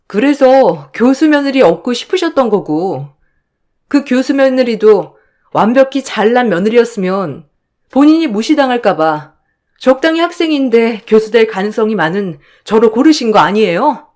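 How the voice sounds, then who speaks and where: A woman voicing a defiant young daughter-in-law who answers back with sharp, biting retorts. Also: a little high, lively intonation, moderate pace, voice pushed up, lightly acted. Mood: cutting.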